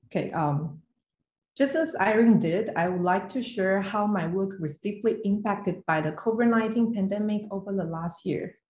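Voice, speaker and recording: A Taiwanese finance executive, appearing as a guest speaker, delivers a prepared online presentation from an indoor room over video call. Her medium-pitched, darkish voice moves at a normal speed, and the call audio is roomy and echoey.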